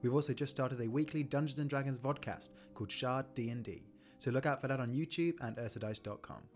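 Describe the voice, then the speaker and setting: A man's voice: medium pitch, faint music behind. A man reading a scripted promotional announcement for a podcast. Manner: brisk promotional read. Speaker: podcast host.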